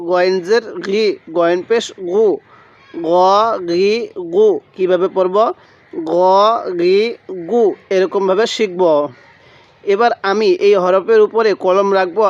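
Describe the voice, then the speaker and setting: A man with a fairly high voice leads a patient recitation lesson, repeating each sound in a steady drill. The audio is dull and muffled, with a lo-fi edge. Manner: slow, repetitive drilling, asks viewers to repeat aloud. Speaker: Quran reading teacher.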